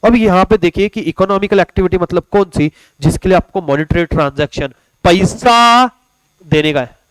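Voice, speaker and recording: A man's voice: high voice, normal speed, smooth, no room sound, low-quality recording. A young man teaching an online commerce class in a chatty, joking way, calling his students "beta". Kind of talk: casual online class lecture.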